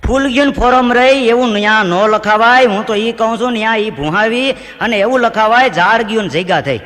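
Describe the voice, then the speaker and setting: A man doing stand-up, telling Gujarati folk jokes to a live audience and shouting out the lines of the people in his stories. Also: sits high, a little fast, long reverb tail. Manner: animated joke-telling, shouts out the heckler's lines. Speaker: stand-up comedian.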